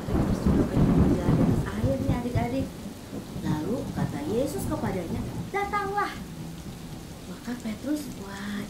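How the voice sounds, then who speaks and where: A woman's voice: on the high side, roomy sound, heavy background noise. A woman, a children's church teacher, telling a story to young children in an exclamatory, coaxing way.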